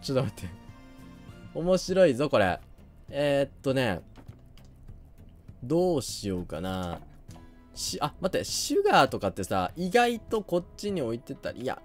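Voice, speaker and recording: A man's voice: medium pitch, sing-song, moderate pace, pauses often, faint music behind. A young man giving casual game commentary, thinking aloud and often hesitating. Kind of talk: casual let's play commentary.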